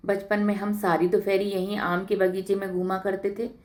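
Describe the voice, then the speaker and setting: A woman's voice: mid-range voice, little pitch movement, normal speed, a little mellow, close to an everyday voice. A woman voicing an affectionate young village woman back from college, in a read-aloud story.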